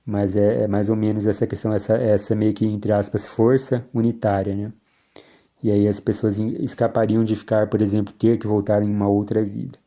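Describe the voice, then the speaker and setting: A man's voice: on the low side, level tone, fairly quick, warm tone. A man, a psychologist giving an explanatory lecture and checking in with frequent tag questions.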